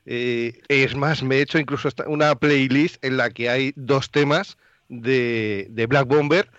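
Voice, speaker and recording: A man's voice: medium pitch, steady tone, a little slow, a bit bright, no room sound, dull audio. A male radio host asking questions in an interview, speaking hesitantly with many fillers.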